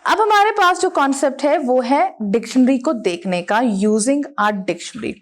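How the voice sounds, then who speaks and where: A woman's voice: sits high, expressive, a little slow. A woman teacher giving a video lesson, explaining words and grammar and mixing English terms into her speech.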